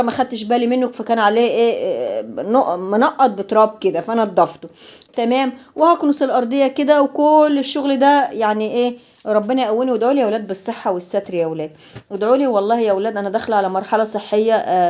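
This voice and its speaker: Egyptian woman, home vlogger, fast and talkative, slightly high voice. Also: darkish tone. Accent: Egyptian Arabic. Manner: rapid, teasing, addresses followers with pet names. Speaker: vlogger and domestic worker. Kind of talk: chatty home vlog while cleaning. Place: home, cleaning.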